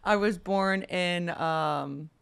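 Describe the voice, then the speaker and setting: A young woman from Virginia, a guest musician, telling her story in a relaxed, chatty way in a casual interview. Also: lowish voice, very slow, clear, resonant tone.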